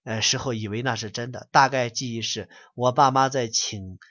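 A man's voice: medium pitch, fairly even intonation, normal speed, fairly bright tone, no echo. A man preaching as a Buddhist lecturer, reading out a letter and scolding his listeners in blunt, colloquial talk. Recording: dull, muffled dry recording.

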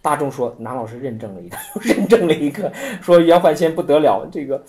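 A man giving an informal Buddhist teaching talk, telling stories in an animated way with many repetitions. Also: a little high, a little fast. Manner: animated storytelling with frequent repetitions and acted-out quotes.

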